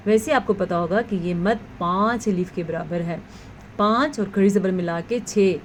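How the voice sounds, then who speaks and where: A woman teaching a tajweed lesson, explaining rules patiently and reciting words slowly. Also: medium pitch, slight background noise.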